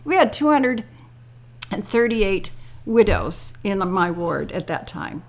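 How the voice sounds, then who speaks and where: An older woman in an interview tells a personal story with liveliness, often laughing and acting out others' words. Her voice is medium-pitched and her pace slow.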